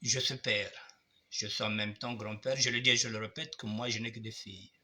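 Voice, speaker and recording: An older man with a cold hosts his online show, delivering monologue commentary that addresses his audience formally and repeats itself. His voice is fairly low and sharp-toned, with fairly even intonation and a fairly quick delivery.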